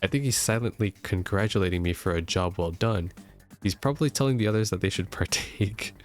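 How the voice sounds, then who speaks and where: A man's voice: lowish voice, a little fast, soft background music. A man giving casual gaming commentary and reading story text aloud as he plays. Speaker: let's play streamer.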